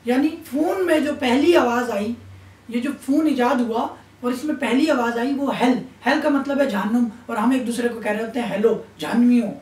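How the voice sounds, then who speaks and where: A woman's voice: fairly high pitch, a little mellow. A woman giving an Islamic sermon in a stern, admonishing tone. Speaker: religious speaker. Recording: roomy echo, distant mic.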